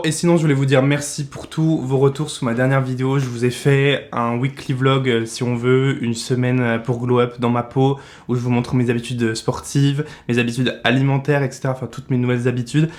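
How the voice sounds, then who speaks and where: A man's voice: medium pitch, flat delivery, moderate pace, darkish tone. A man in his twenties with a French accent, chatting casually in a beauty vlog and giving blunt product verdicts. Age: 20s. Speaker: beauty vlogger.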